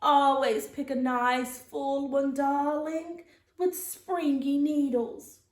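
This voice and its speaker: A grand, eccentric old great-aunt from a storybook, put on by a woman reader. Her voice is high and drawn out, instructing with theatrical flourish in a roomy space. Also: fairly even intonation. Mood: grandly instructive. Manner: theatrical, drawn-out, dramatic emphasis.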